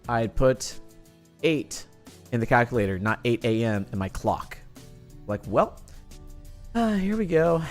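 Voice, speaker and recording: A young man streams and chats with his viewers, telling animated stories and acting out his friends' lines. His voice sits at a middle pitch, and he swears freely. Faint music plays behind him. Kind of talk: casual chat to live chat.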